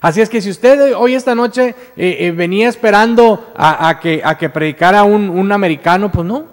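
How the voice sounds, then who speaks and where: A Mexican preacher delivers a sermon at moderate pace in Mexican Spanish, his high, lifted voice going into a standing mic at the pulpit. Earnestly telling his story, he keeps restarting on repeated words and then builds to emphatic declarations. The indoor sanctuary, which has a stage, gives a long, ringing reverb.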